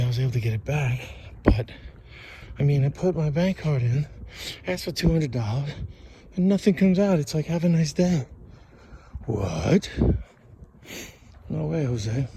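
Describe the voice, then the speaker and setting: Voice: mid-range voice, lively intonation, normal speed, long pauses, background noise. A vlogger chatting casually while walking around town outdoors, playful and rambling, recorded on a handheld phone. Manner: chatty, playful, rambling, sings little ditties. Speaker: vlogger on a walk.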